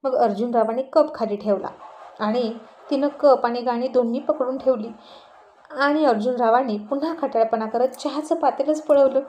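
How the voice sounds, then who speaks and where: A woman narrating a romantic family story with gentle, unhurried storytelling. Her voice sits a little high and sounds mellow and soft.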